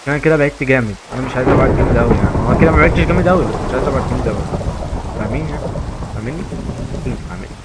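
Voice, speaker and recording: Fast-talking Egyptian man commenting on gameplay. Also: mid-range voice, very noisy. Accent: Egyptian Arabic. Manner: chatty, talks to viewers, repeats himself. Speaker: gaming YouTuber.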